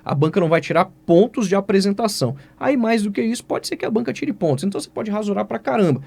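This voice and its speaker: A man's voice: sits high, fast talker, vocal fry. A man with a Brazilian Portuguese accent teaching an exam-prep writing lesson, who keeps asking questions aloud and answering them himself. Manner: lively, asks and answers his own questions.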